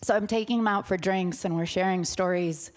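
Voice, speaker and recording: A woman's voice: mid-range voice, fairly even intonation, brisk. A woman in her thirties telling a personal story on stage in a dramatic, vivid way.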